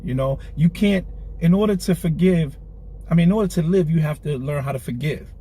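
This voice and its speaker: Warm but husky, his voice runs a little high and a little fast. The speaker is a man in his forties who founded a clothing brand, talking earnestly and in a streetwise way as a guest in a candid interview inside a car, often saying things twice.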